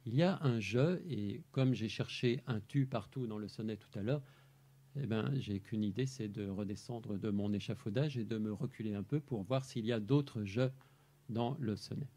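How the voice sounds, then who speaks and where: Man, translator giving a talk; mellow, husky tone; measured and explanatory. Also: on the low side. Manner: measured, explanatory, pausing over single words. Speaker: translator presenting his work. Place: amphitheater.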